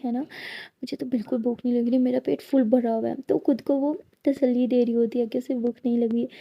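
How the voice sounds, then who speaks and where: A woman's voice: a little high, lo-fi sound. A woman casually narrating a romance story, acting out each character's lines in turn.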